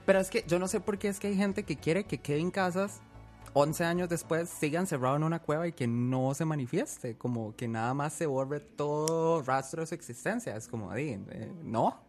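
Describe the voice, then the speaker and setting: A man's voice: fairly high pitch, normal speed, soft background music. A man with a Costa Rican accent, chatting on a podcast panel in a wry, sarcastic way. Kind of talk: casual panel chat.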